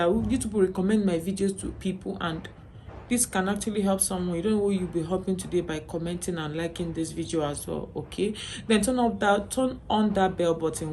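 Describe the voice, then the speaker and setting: A woman's voice: on the low side, dark tone, slight background noise. A Nigerian woman vlogging as a mother, talking earnestly to her viewers and often checking in with "okay?". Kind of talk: personal vlog to camera.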